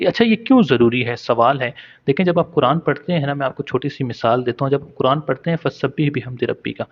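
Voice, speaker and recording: A man teaching Arabic letter pronunciation in a spoken lesson, patiently stretching out each sound for practice. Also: medium pitch. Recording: dull lo-fi recording.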